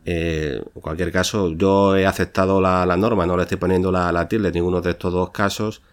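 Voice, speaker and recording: A man's voice: deep voice, steady tone, brisk, clear, resonant tone. A man teaches spelling in a podcast. He talks unscripted and patiently, often stopping and restarting mid-phrase. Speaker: proofreader giving a podcast lesson.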